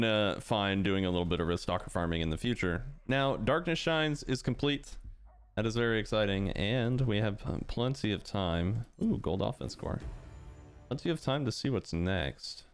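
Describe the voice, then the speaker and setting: Low-voiced man explaining gameplay. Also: vocal fry, clean tone. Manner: relaxed, explanatory, frequent fillers. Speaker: gaming channel host. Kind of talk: casual gameplay commentary.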